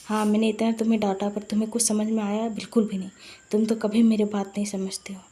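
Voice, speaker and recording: A woman's voice: medium pitch, level tone, quick pace, warm tone, husky, close to an everyday voice. A woman voicing a caring young woman who scolds her stubborn friend, in a fan story reading. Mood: scolding.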